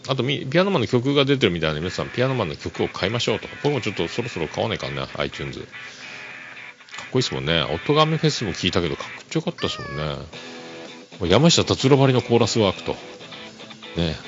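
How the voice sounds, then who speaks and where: A man chats through a relaxed solo podcast, his deep voice gravelly and his pitch bouncing around a lot. He laughs easily and pads his talk with fillers. The recording is dull and lo-fi, with music playing beneath him. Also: quick pace. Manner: easygoing, chuckling, full of fillers. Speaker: podcast host. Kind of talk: casual solo podcast chat. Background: music playing underneath.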